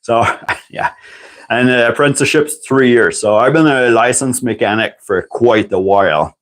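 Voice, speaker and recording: Speaking at medium pitch and a normal pace, a man hosts a casual livestream and responds to viewer questions. French is his first language; his talk meanders chattily, punctuated by frequent throat-clearing.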